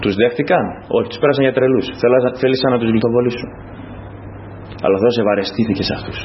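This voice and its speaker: A man preaching a sermon to his congregation, dramatic and full of rhetorical questions. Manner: dramatic, rhetorical questions, swinging from loud high to low quiet. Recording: dull lo-fi recording with faint noise.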